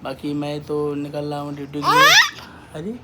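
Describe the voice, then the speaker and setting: A man filming a casual family vlog at home on his phone, consoling his family and talking gently to his small child. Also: a little high, wildly swooping pitch, normal speed, heavy background noise. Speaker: vlogger, father. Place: home, indoors. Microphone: handheld phone.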